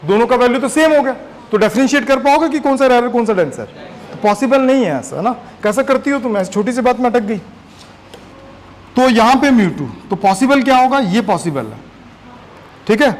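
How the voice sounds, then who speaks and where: High-voiced man teaching a class. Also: lively intonation, fairly quick, rough recording. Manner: questioning the class often, mixing in English terms. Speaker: physics teacher. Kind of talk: classroom lecture.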